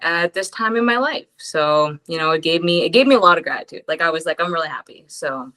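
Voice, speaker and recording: A woman with a bright, forceful, slightly low voice talks upbeat and encouraging. She shares her gratitude with the group on a video call, often saying "like". Her tone stays positive and open. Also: expressive, brisk, low-quality recording. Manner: upbeat, warm, encouraging, with many "like"s. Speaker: call participant. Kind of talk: personal sharing in a group call.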